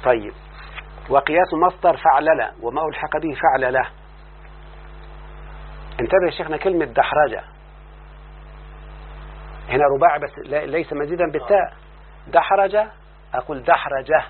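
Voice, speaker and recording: Patient Egyptian sheikh checking understanding. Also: male voice, on the high side. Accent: Egyptian Arabic. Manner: keeps asking the student if he follows; repeats word forms slowly and drawn out. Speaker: teacher of Arabic morphology. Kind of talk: explaining a classical text to a student. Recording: tinny phone-like line with faint hum.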